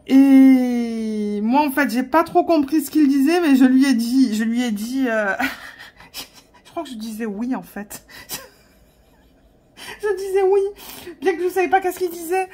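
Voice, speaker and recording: A woman with a high voice chats through a story while crafting. She laughs often, and she hesitates and restarts as she talks. She sounds like a relaxed vlogger talking straight to her viewers. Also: moderate pace, long pauses.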